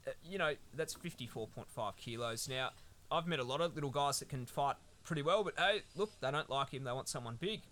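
A man's voice: mid-range voice, lively intonation, fairly quick, a bit bright. A man co-hosting a podcast, recapping a film in a rambling, sweary, laid-back way. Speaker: podcast co-host. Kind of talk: casual film-review chat.

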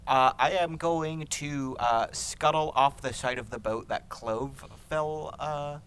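A man's voice: a little high, slow, a bit bright, slight background noise. A man playing in a tabletop game, hesitant with fillers and dry wisecracks. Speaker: player. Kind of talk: casual tabletop play.

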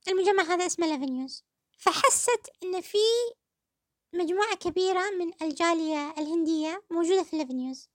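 Kuwaiti woman podcast host, quick, high-pitched, mocking commentary in a dry booth. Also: no room sound. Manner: sarcastic, addresses listeners fondly. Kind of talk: satirical commentary.

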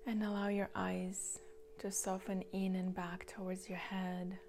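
A woman guiding a grounding meditation, talking softly and slowly, with some words breathed out in a whisper. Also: medium pitch, monotone, vocal fry, a little hiss or hum. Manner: slow, soft, partly whispered guidance. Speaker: meditation guide. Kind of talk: guided meditation.

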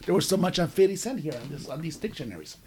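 This podcast co-host has a fairly high voice with a darkish tone, talking fast with big swings in pitch. He chats casually on a comedy podcast, joking, laughing often, and using his co-host's name again and again, with slight background noise behind him.

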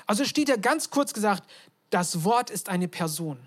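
A woman preaching a conversational sermon. She tells the story in a lively way and asks her listeners questions. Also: mid-range voice, moderate pace. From abroad, moved to Germany.

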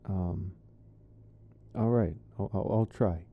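In an ASMR boyfriend roleplay, a man plays a low-voiced young college vampire addressing the listener directly, soft-spoken and halting, teasing wryly and a bit awkwardly with clear affection beneath it. His exaggerated voice is creaky and slightly rough, the sound phone-quality, and the mood exasperated and coaxing.

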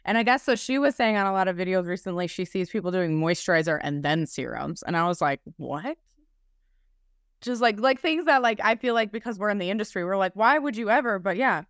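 A woman's voice: medium pitch, expressive, fast, few pauses, smooth, no room sound, clean studio sound. A woman hosting a podcast in a casual, chatty way, with informal phrasing peppered with "like". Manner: informal, frequent "like" as filler. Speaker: podcast host.

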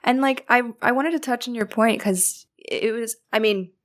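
A young woman hosts a podcast, asking her guest questions in a supportive, thoughtful way during a casual interview chat. Her voice is fairly high and her pace normal.

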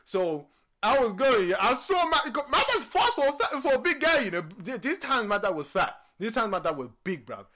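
A man's voice: extremely high pitch, big pitch swings, a little fast, sharp tone. A man in his early twenties with a London roadman accent, telling stories in casual street slang and repeating phrases for emphasis. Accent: London roadman, multicultural London English. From London, born in or brought from Nigeria. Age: early 20s. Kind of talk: casual chat, animated storytelling.

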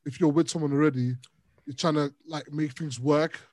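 A man's voice: a little high, normal speed, dry recording. A young man co-hosting a podcast, telling stories in casual chat and laughing often. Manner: animated storyteller, laughs often. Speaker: podcast co-host.

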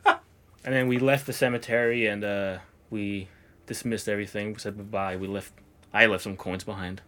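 A man's voice: fairly low pitch, steady tone, moderate pace, bright, forceful tone. A young man on a casual podcast, telling a spooky story in a laid-back, profane way. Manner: laid-back, profane, drifts into quoted voices. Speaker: podcast guest.

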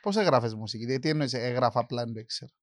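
An interviewer with a Cypriot Greek accent asks relaxed, prompting questions in an easygoing chat. The voice sits at a middle pitch. The recording is dry and close. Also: no room sound. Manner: relaxed, laughs often, prompting.

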